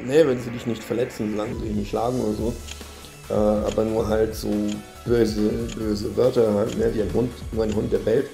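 A man giving excitable, casual commentary over his own mobile game, swearing often and filling pauses with "ähm" and "ne". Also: on the low side, gravelly, faint music behind. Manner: excitable, swears a lot, frequent fillers. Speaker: gaming YouTuber. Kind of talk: live gameplay commentary.

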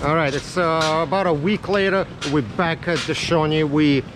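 A man's voice: a little high, normal speed, over music. A man filming a casual family ski vlog outdoors on the slopes, easygoing and chatty, cheering the others on. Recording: wind noise on outdoor camera mic.

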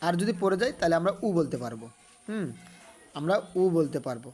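A man teaching Quran reading. He spells each letter and vowel mark slowly, then draws out the blended syllables in a recitation tone. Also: fairly high pitch, sing-song, a little mellow, faint music behind.

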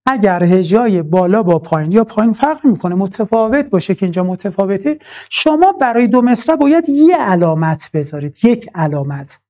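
A man's voice: high voice, sing-song, a little mellow. Man teaching a recorded online class. Patient and methodical, repeats key terms and addresses students as dear ones. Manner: slowly chants verse lines when reciting.

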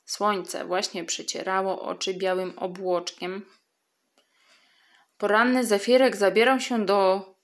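A woman reads a children's story aloud, slowly and expressively. Her voice sits at an ordinary middle pitch, and she takes her time over each line.

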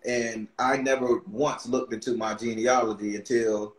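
This Barbadian podcast host and tarot reader, in his thirties, talks at normal speed in a medium-pitched voice, rambling and repeating himself with eager restarts. He's running a casual video-call interview on a webcam in front of a brick wall, and the sound is roomy and low quality.

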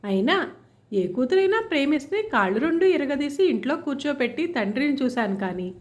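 Shrill, scornful village aunt with a swooping voice, read by a woman narrator. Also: big pitch swings, brisk. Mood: angry shouting. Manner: taunting, shouting scornfully. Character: sarcastic, loud-mouthed middle-aged village aunt.

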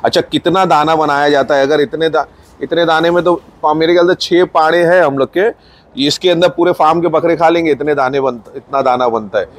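A man's voice: a little high, fairly even intonation, brisk. A man with a Mumbai Hindi accent gives a chatty walkthrough of his farm, filmed on a handheld phone, pointing things out as he goes. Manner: chatty, points things out, mixes in English words. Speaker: farm owner filming his buffalo feeding. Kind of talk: casual walkthrough vlog narration. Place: outdoor farm sheds.

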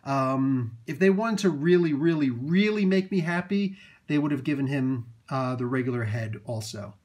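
This toy reviewer, a man of Italian heritage, stays off camera at a table indoors, shooting with a handheld phone as he chats through an unboxing with fillers, false starts and laughs. His mid-range voice is a little mellow, with lively intonation and a normal pace.

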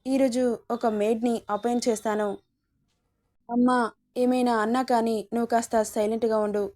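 A caring young husband, read by a woman narrator, speaks patiently with a teasing edge. The voice stays mellow and fairly high, in a storybook reading. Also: little pitch movement, normal speed, lightly acted.

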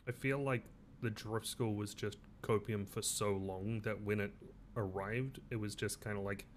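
A man with a lowish voice talks in a relaxed, easygoing manner during an online game role-play. A faint hiss of noise sits under his voice. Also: normal speed.

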